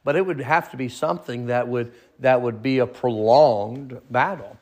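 A man's voice: mid-range voice, normal speed, a little mellow. A man in his thirties leading an informal Bible study, talking plainly and repeating phrases for emphasis. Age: 30s. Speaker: pastor.

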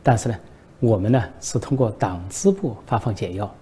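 A man's voice: on the low side, lively intonation, moderate pace, mellow, breathy edge. A man voicing a bumbling male party leader who stumbles over his words and shifts blame onto others, in a satirical comedy sketch. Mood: evasive.

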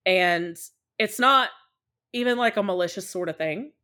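A woman who creates podfic talks at length as a podcast guest, conversational, talkative and candid, often acting out short quotes. Her mid-range voice is bright and forceful, at a moderate pace.

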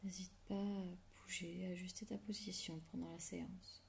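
A woman's low, creaky whisper guides a meditation close to the listener's ear. Her calming relaxation cues arrive slowly, with long gaps between them, in a level, darkish tone over faint background noise.

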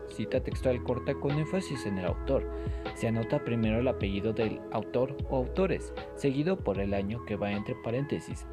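A man delivering scripted educational narration as an explainer, in a playfully formal, instructional manner. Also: mid-range voice.

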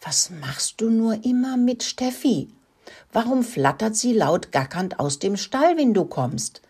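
A woman's voice: on the high side, big pitch swings, a little slow, a little mellow, husky, voice pushed up, exaggerated voice. A woman voicing a caring father mouse who patiently teaches the young ones. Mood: scolding.

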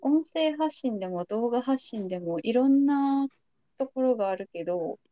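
A woman's voice: a little high, animated, normal speed, dry recording, muffled recording. A young adult woman hosting a podcast, chatting casually as she interviews a guest. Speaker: podcast host.

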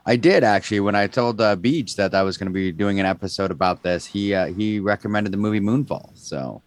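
An American man with a low-pitched voice chats casually as co-host of a podcast. The recording is dry and free of room echo. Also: a little fast. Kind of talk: casual chat.

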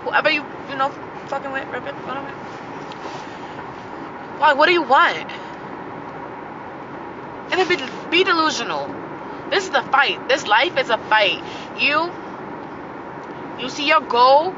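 A woman's voice: sits high, animated, measured pace, pauses often. A woman hosting her own podcast, talking casually and with slang, laughing here and there as she gives a motivational talk. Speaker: podcast host. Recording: muffled audio with clear traffic noise.

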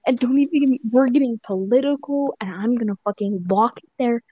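A woman's voice: fairly high pitch, a little fast, mellow, breathy edge, no echo, highs cut off. A young woman hosting a casual podcast, tipsy, laughing often and swearing as she rambles. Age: young adult. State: drunk. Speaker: podcast host. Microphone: desk microphone.

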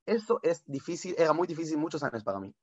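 A man giving an informal spiritual talk as a rabbi, lively and animated, often correcting himself and mixing in Hebrew words. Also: fairly high pitch, fast talker, breathy edge, no echo, muffled recording.

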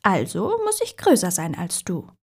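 A woman voicing a proud, boastful female puddle in a storybook reading, with a shrill, self-important voice. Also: huge pitch swings, moderate pace, gravelly, a little mellow, slightly rough, heavily acted.

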